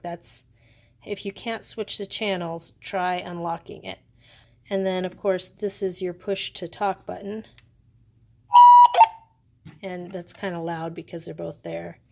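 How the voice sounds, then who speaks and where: A woman with a lowish, darkish voice gives a casual, hands-on product review. She explains things in a hesitant, unscripted way, and the recording has a clearly noisy background.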